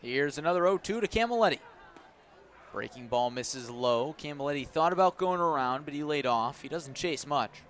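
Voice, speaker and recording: This announcer's voice sits a little high, with lively intonation, normal speed, and a fairly bright tone. He's calling a live baseball game on the radio from an outdoor ballpark, describing the action and getting louder when it heats up, while ambient outdoor noise plays behind him.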